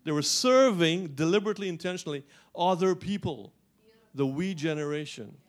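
A middle-aged man from Guyana preaching a sermon as pastor, animated, with frequent restarts and rising emphasis. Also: fairly high pitch, fairly quick.

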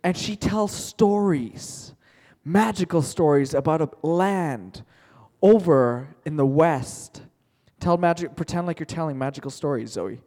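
A man teaching a class makes up a playful story on the spot, joking throughout and calling students by name. He talks slowly, a little high for a male voice, with a darkish tone, and the classroom gives a long echo.

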